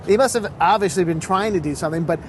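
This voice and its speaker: High-voiced joking male host outside. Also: fast. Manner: joking, playful questioning. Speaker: show host. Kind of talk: casual interview chat. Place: outdoors on a city street. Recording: noisy outdoor street sound.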